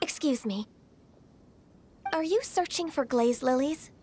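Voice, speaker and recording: A gentle, youthful immortal who is half qilin, in a video game. Her voice is on the high side, soft-spoken and polite, with a hesitant, absent-minded air. There is faint noise behind it. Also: animated, measured pace. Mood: polite, pleasant. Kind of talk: earnest video game acting.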